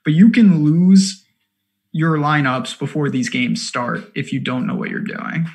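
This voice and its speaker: A man co-hosting a fantasy basketball strategy show, talking casually in quick, animated bursts with lots of fillers. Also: on the high side, creaky. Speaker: co-host of a fantasy sports show. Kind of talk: casual analytical chat.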